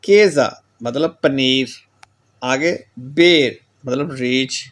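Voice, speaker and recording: A man's voice: medium pitch, very slow, fairly bright tone. A man teaching German pronunciation, reading out example words with their meanings in a patient lecture style and often adding a short filler tag. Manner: reads each word and its meaning, repeats the filler tag "theek ho gaya ji". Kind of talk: classroom lecture explaining pronunciation with word lists.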